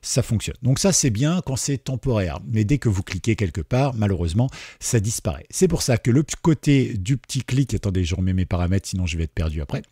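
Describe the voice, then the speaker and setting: A man hosting a screen-recorded software tutorial, talking in a relaxed, chatty way with many fillers. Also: mid-range voice, slightly rough, dry recording, clean studio sound. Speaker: tutorial host.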